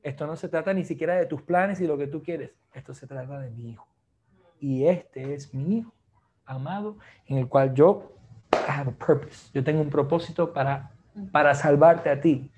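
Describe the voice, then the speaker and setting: High-voiced preacher switching languages. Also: normal speed, dull audio, slight background noise. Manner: lively, mixes Spanish and English, jokes with the congregation. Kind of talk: sermon.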